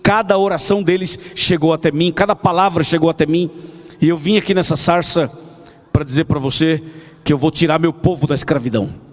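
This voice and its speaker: Brief: God as a steady, solemn speaker read by a preacher, a man's voice a bit high, long hall reverb. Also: fairly quick, close to an everyday voice.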